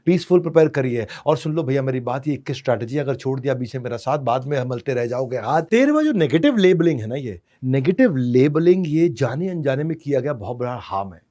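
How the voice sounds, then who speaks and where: A man's voice: medium pitch, lively intonation, quick pace, hardly any pauses, warm tone. Emphatic man giving a motivational lecture. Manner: dramatic, emphatic, rhyming asides; mixes in English phrases. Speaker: parenting speaker.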